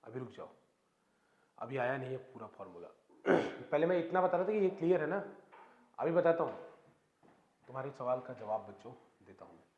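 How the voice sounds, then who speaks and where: A man's voice: mid-range voice, sing-song, a little fast, long pauses. A man teaching a physics class, explaining step by step and constantly quizzing his students. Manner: explains step by step, keeps asking students questions. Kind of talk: classroom lecture. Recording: echoey room, dull lo-fi sound.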